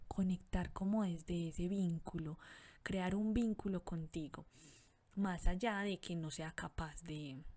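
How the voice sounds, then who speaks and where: A woman speaks in a calm, reflective way as she gives parenting advice on her podcast. Her voice is mellow and slightly low, and she pauses often with soft fillers as she explains. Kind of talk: conversational advice monologue.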